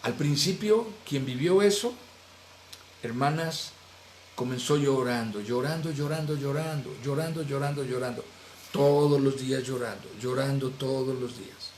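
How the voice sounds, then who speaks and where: A male pastor teaching a Bible study in earnest, raising his voice on some phrases and dropping low and soft at the ends of others. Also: moderate pace. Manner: earnest, swings between raised animated phrases and low soft trailing endings. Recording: echoey room, faint background noise.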